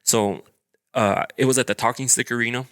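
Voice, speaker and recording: A man's voice: medium pitch, steady tone, brisk, a bit bright, smooth, dry recording, studio quality. A man, a podcast co-host, telling a story in casual chat and acting out quotes in a raised voice.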